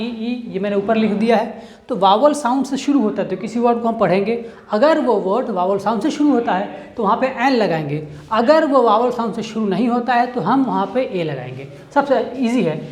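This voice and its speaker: A woman's voice: a little high, a little mellow, echoey room. A woman teaching an English grammar lesson in the style of a classroom, explaining step by step and asking questions that she answers herself.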